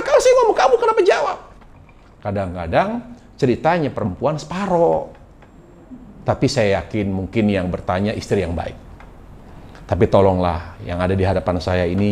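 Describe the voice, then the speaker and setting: Brief: male Islamic preacher, sermon, mid-pitched and very lively in intonation, bursts of emphasis. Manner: animated, often jumping sharply higher in pitch and volume for emphasis.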